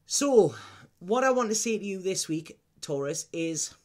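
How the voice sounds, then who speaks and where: Male tarot reader, fairly high-pitched voice, for a mystical horoscope reading; reassuring, conversational, checks in with the listener often. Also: animated, measured pace. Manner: reassuring advice with repeated "okay?" checks.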